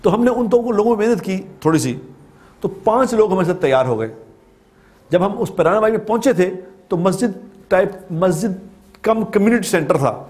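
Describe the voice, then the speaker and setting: Pakistani guy preaching, tells a story, repeats stuff for emphasis, fairly high voice. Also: animated, a little mellow. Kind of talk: religious storytelling sermon.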